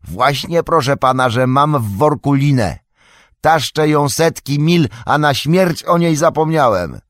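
A man voicing Sam, a loyal, excitable male hobbit servant who shouts and scolds himself in a raised voice. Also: medium pitch, a little slow, no room sound, studio quality, voice pushed up, close to an everyday voice. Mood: self-scolding.

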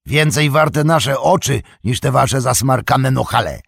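A man's voice: medium pitch, unhurried, creaky, fairly bright tone, husky, dry recording, clean studio sound, full character voice. A man voicing a sly, cowardly male orc tracker in an audiobook reading, sneering and muttering.

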